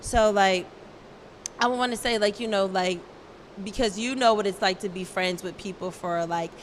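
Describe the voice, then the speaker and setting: A woman hosts a casual interview show in a mid-range voice at a moderate pace, with a little hiss or hum on the recording. She rambles, restarts often, leans heavily on fillers and laughs a lot.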